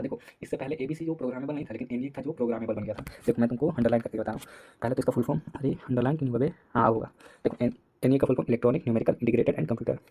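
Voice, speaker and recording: A young man giving a casual exam-prep lesson, talking in a quick, repetitive way and often clearing his throat. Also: mid-range voice, warm tone. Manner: rapid, repetitive, casual, addresses students as "bhai". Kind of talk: fast late-night revision lecture.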